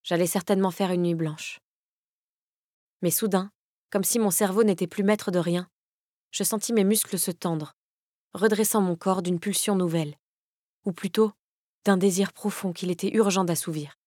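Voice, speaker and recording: A woman reading a romance novel aloud in the first person, with measured, intimate storytelling on a close studio mic. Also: fairly low pitch, fairly even intonation, mellow, dry recording. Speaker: audiobook narrator.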